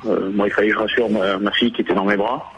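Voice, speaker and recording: Low-voiced guy telling what he witnessed, keeps stumbling and hesitating, muffled lo-fi call with a bit of noise. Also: level tone, fairly bright tone. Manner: hesitant, halting, stumbling with repeated words. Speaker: eyewitness parent interviewed on radio. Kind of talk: spontaneous eyewitness account. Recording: dull lo-fi radio phone call, faint noise.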